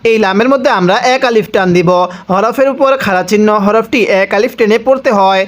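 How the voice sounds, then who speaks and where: A man's voice: high voice, fairly quick. A man from Bangladesh, a Quran teacher, spells out each letter and vowel mark one by one and asks and answers his own questions.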